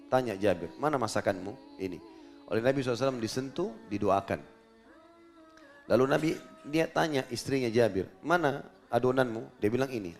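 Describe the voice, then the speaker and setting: Animated male preacher telling a story. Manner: animated storyteller, acts out dialogue with pitch jumps. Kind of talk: sermon storytelling.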